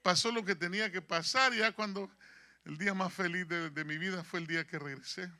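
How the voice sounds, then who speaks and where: A man preaching a sermon as pastor, an animated storyteller who acts out quoted dialogue. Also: high voice, brisk. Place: church in San Diego.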